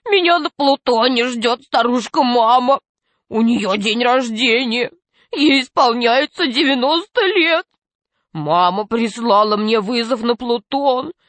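A woman's voice: a little high, fairly bright tone, no echo, pitched above the performer's own voice. A woman voicing a plump adult male stowaway who whines and complains indignantly. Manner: indignant, whining.

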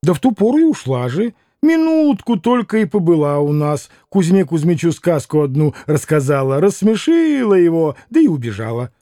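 A man's voice: on the high side, very animated, moderate pace, hardly any pauses, mellow, dry recording, clean studio sound. A man voicing a fussy old woman servant, querulous and folksy, in an audiobook reading. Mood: grumbling.

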